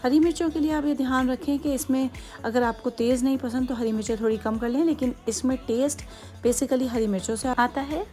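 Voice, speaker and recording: A woman's voice: sits high, brisk, dark tone, soft background music. A woman with a Hyderabadi accent hosting a home cooking tutorial, chatty and patient as she explains each step with many asides. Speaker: cooking channel host.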